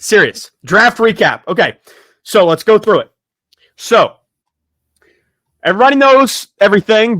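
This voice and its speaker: A man hosting a casual sports podcast, joking and excitable, rattling off long lists. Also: sits high, dry recording, studio quality. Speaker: podcast host.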